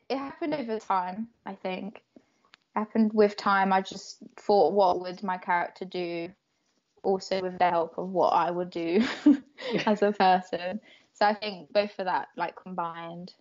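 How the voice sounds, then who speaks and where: A young woman whose first language is Croatian chats as a guest on a podcast in a mid-range, slightly mellow voice. She laughs often between hesitant phrases full of fillers, and the podcast audio is dull and lo-fi.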